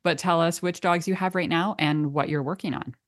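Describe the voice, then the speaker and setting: A woman's voice: on the low side, fairly even intonation, fairly quick. A woman who hosts a podcast and trains dogs, introducing and interviewing a guest in an enthusiastic, chatty way. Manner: enthusiastic and chatty, with fillers and restarts. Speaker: podcast host and dog trainer.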